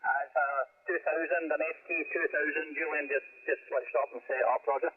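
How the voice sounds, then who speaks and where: A man's voice: on the high side, little pitch movement, brisk, slightly rough. A Scottish man chatting casually as an amateur radio operator over a radio transmission. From Scotland. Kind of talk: casual ham radio exchange. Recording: tinny radio, loud chatter and interference.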